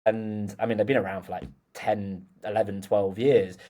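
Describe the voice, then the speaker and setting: A man's voice: fairly low pitch, steady tone, moderate pace, mellow. A man hosting a casual business conversation, chatty and loose, leaning on fillers as he talks. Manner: chatty, many fillers like "like", agrees often.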